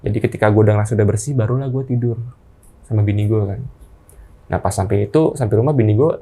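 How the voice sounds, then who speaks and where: A man, casually recounting a ghost story as a guest, halting and unhurried with slangy asides. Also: on the low side, warm tone.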